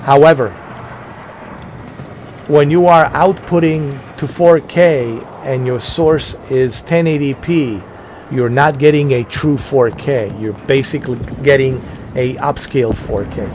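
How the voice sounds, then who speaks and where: A man's voice: mid-range voice, a little slow, a little mellow. Man giving casual gameplay commentary, faint game noise. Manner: repetitive, circling back over points. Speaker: gaming video host. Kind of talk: casual gameplay commentary, explaining technical details.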